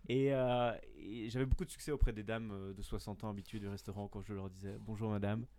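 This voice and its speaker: A man's voice: fairly low pitch, level tone, quick pace, mellow. Young man telling a story with fillers. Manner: hesitant, lots of fillers and self-mocking asides. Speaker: podcast guest. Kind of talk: casual storytelling chat.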